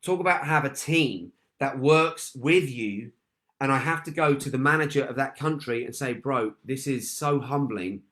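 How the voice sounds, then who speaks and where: The motivational speaker, a man, relates a personal story, hammering points through repetition and often turning to his listeners as "guys." His medium-pitched voice runs at normal speed with a slightly bright quality.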